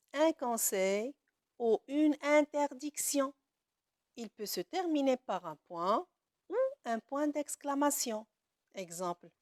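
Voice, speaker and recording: A woman teaching a grammar lesson to children, speaking slowly and deliberately, stretching key words and praising often. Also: a little high, no echo, studio quality.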